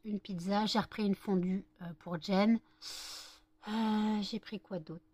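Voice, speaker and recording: A woman's voice: mid-range voice, fairly even intonation, a little slow, dark tone, husky, no echo. Woman vlogger thinking aloud, dry sound. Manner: rambling, many hesitations, thinking aloud. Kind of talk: casual chat to camera. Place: at home.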